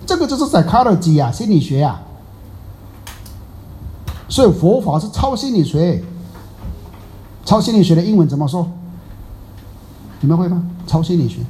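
A man's voice: high-pitched, sing-song, moderate pace, long pauses, dark tone. A man teaching a Buddhist class in a chatty, teasing way, quizzing his listeners. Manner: chatty, teasing, asks the audience questions. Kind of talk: Dharma talk to a class.

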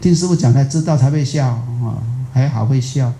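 A man with a Taiwanese Mandarin accent gives a rambling, folksy Buddhist dharma talk, often stopping to question his listeners. His voice is very dark and mellow. It carries an echo from the room. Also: medium pitch, normal speed. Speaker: Buddhist teacher. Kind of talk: dharma talk to a live audience.

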